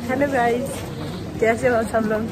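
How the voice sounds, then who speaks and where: A woman's voice: on the high side, fairly even intonation, unhurried, background noise. A woman, the vlogger's older sister, chats casually and teases her playfully on camera. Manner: teasing, playful. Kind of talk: casual chat. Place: outdoors in a busy town street. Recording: outdoor phone recording with loud crowd.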